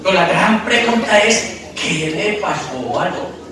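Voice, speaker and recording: A pastor preaching emphatically, asking the congregation questions and breaking into shouts, recorded from a distance in an echoey church hall. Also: male voice, high voice, lively intonation, a little slow, noisy background. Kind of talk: sermon.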